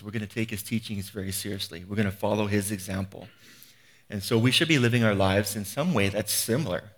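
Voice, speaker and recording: A man in his fifties giving an earnest, conversational sermon, often restarting phrases and asking rhetorical questions. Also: fairly low pitch. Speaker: preacher.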